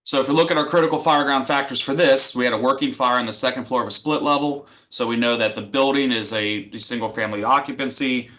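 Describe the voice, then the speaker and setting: A man's voice: medium pitch, fairly even intonation, quick pace, few pauses, sharp tone. A man giving a methodical, instructional incident review as a fire training presenter.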